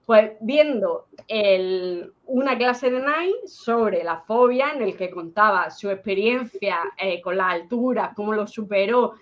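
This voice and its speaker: A woman's voice: medium pitch, slow pace, few pauses. A woman with a Spanish accent from Spain, chatting about a personal experience on a video call, talking with many fillers and restarts. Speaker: guest. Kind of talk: personal story in casual chat. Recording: dull lo-fi call audio.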